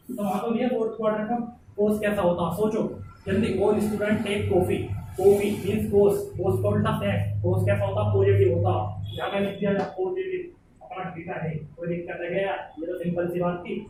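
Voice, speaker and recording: Man, high voice, maths lecture, urgent repetitions, far from the mic, noisy echoey room. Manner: urges students to answer quickly, repeats words. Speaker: maths teacher.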